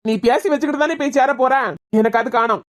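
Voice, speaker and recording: Voicing a cartoon character, a woman plays a stern young male doctor in a pressing scene of scolding and interrogation. She speaks quickly with a Kanyakumari Tamil accent, her high voice near her ordinary one.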